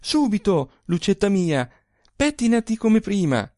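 A man's voice: high voice, big pitch swings, measured pace, gravelly, darkish tone, no room sound, studio quality, voice pushed up, full character voice. A man reading aloud voices an eager, lovestruck husband who keeps insisting and imploring. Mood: overjoyed.

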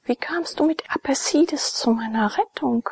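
A woman reading as a gentle noble young lady. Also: high voice, measured pace, gravelly, no room sound, voice pushed up. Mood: tender.

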